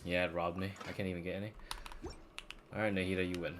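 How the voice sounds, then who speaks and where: Delivering his casual stream chatter quickly and flatly, this low-pitched man plays a video game live. The background is noisy, filled with game music and dialogue.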